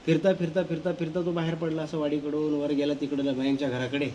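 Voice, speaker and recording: A male schoolteacher telling a story to children in a lively way, repeating his phrases as he goes. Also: a little high, fast, slight background noise. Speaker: teacher.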